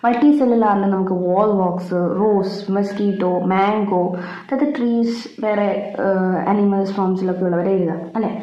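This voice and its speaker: A woman's voice: medium pitch, steady tone, moderate pace. A woman with a Malayali accent teaches a school biology lesson, switching between Malayalam and English mid-sentence and repeating key points in an explanatory way. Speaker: biology teacher for an online channel. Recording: roomy echo, slightly dull sound.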